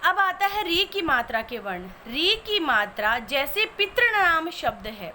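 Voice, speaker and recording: A woman's voice: sits high, very animated, measured pace, pushed and bright, a little hiss or hum. A woman teaching a spelling lesson, patiently breaking each word into its sounds step by step.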